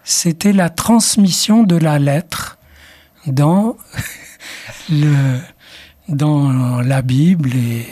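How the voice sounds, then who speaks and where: Speaking in a fairly high, mellow voice, an older man from Morocco, a psychoanalyst whose native tongue is Arabic, takes radio interview questions. He responds slowly and thoughtfully, with hesitant restarts.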